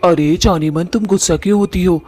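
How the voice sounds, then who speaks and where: A man's voice: sits high, fairly quick, a little mellow, soft background music. Man voicing a sweet-talking lovesick ghost. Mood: pleading. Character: lovesick young male ghost groom, pleading.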